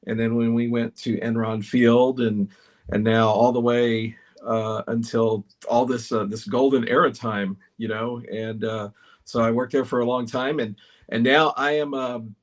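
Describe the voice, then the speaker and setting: A middle-aged man from Houston, a guest on a podcast, telling stories about his past in a relaxed, casual way with frequent restarts. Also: medium pitch, a little slow. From Houston, Texas. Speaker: podcast guest, baseball historian. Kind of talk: casual interview storytelling.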